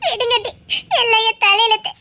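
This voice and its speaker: A woman's voice: very high-pitched, little pitch movement, fairly quick, pushed and bright. A woman voicing a self-pitying, tearful mother-in-law in a comic fan dub, with a Tirunelveli Tamil accent and a whining delivery.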